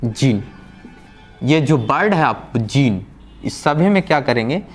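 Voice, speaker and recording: A man's voice: medium pitch, expressive, takes it slowly, faint music behind. A man teaching a vocabulary lesson who keeps asking questions and answering them himself, explaining patiently step by step. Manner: drills with repeated questions and answers. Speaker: language teacher. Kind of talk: classroom-style vocabulary lesson.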